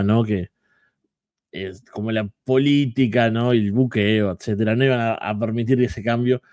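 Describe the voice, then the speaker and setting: A man's voice: mid-range voice, darkish tone, dry recording. Man chatting casually, dry sound. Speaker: wrestling podcast co-host. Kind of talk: casual conversational review.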